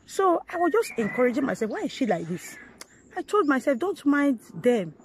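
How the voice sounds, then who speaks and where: A woman vlogger earnestly recounting her life story to viewers, talking in halting phrases that she often repeats and restarts. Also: sits high, big pitch swings, a little hiss or hum, low-quality recording. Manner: earnest, addresses viewers directly. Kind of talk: personal storytelling to camera.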